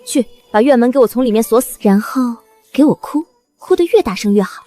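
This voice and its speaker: An actress playing a clever, calm young noble niece in an animated drama dub. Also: female voice, fairly high pitch, a little fast, soft background music, lightly acted.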